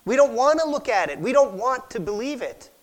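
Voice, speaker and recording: A man preaching a sermon, telling anecdotes with lively acted-out quotes and sometimes dropping to a near whisper. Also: extremely high pitch, a little fast. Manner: animated storytelling, acts out quoted voices, drops to a near whisper for effect. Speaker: pastor.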